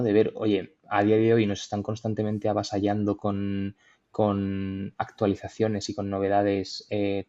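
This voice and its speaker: A man's voice: on the low side, warm tone, muffled recording. A young man from Madrid with a Madrid Spanish accent, co-hosting a casual podcast conversation, thoughtful and hesitant with many fillers and restarts. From Madrid, Spain. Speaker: podcast co-host.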